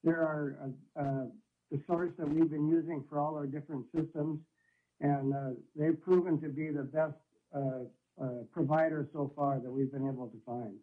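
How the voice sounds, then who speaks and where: A man's voice: fairly high pitch, steady tone, normal speed. Man on a crackly phone line. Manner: polite, explains with hesitant fillers. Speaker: city staff member answering council questions. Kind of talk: calling in to a council meeting. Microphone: phone call.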